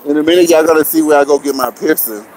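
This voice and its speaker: His voice sits a little high with a darkish tone, and he talks quickly. He's a sweaty, breathless vlogger streaming from a phone camera as he walks a busy city street, casually greeting viewers and begging for shares. Street traffic and city noise fill the rough recording.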